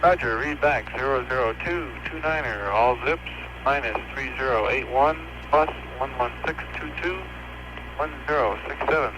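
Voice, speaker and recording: A man's voice: medium pitch, moderate pace. A man, an astronaut, speaking in clipped procedural radio talk over a crackly radio link from space that keeps breaking up. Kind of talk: mission radio exchange. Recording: noisy lo-fi archival radio transmission.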